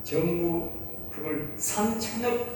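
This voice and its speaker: A man's voice: high voice, slow, darkish tone, a little hiss or hum. A man preaching a sermon as pastor, emphatic, repeating phrases and asking his hearers rhetorical questions. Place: church hall. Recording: echoey hall, voice heard from far off.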